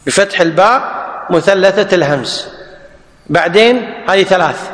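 High-voiced Kuwaiti teacher in echoey hall. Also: male voice, fairly bright tone. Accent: Kuwaiti Arabic. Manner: dictating, repeating word forms for students. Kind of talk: classical Arabic grammar lesson.

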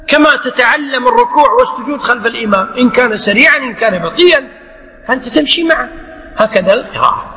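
A man's voice: sits high, pushed and bright. A man giving a religious lesson on prayer rulings, explaining with rhetorical questions and by acting out the imam and the worshipper. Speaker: Islamic scholar teaching. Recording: echoey hall reverb.

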